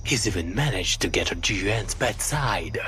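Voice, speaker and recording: A man voicing a stern, cold hedgehog antihero in a video game, grave and terse, with a breathy growl. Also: low-pitched, expressive, measured pace. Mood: cold, disdainful. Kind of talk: video game cutscene acting. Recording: loud music under the voice.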